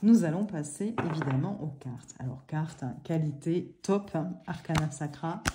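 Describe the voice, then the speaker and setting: A woman's voice: low-pitched, moderate pace, background noise. A woman casually reviewing an oracle deck at home, chatty, with many fillers and little apologies. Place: living room at home. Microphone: camera on a tripod.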